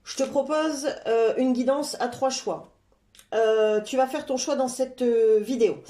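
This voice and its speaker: Lady doing a card reading, slow and chatty, lots of euh, voice kinda high, echoey room. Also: mellow. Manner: chatty and unhurried, full of "euh" fillers; stops to talk to her cat. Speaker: tarot card reader. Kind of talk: casual card-reading guidance.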